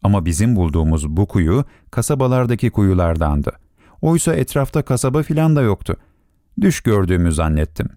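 A man narrating a storybook with a low, mellow voice that rises and falls with great liveliness. The sound is dry and close, with no room around it. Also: sing-song, fairly quick, no room sound.

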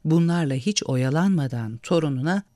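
A male narrator reads a story aloud in a measured, expressive way. His pitch sits a bit high and moves with lively swings. The sound is dry and close to the mic. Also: no room sound.

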